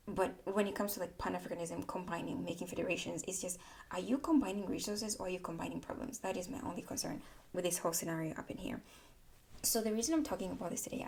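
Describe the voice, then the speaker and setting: A woman's voice: on the low side, vocal fry. A woman from Tanzania, English her second language, giving a candid opinion monologue with repeated words for emphasis. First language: not English. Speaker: political commentary vlogger. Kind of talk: casual opinion monologue to camera.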